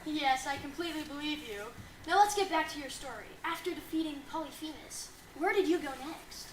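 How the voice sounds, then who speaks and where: A woman's voice: sits high, a little fast, close to an everyday voice. A woman playing a perky dating-show host. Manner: perky, bubbly, announcer-like. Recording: roomy echo, faint noise.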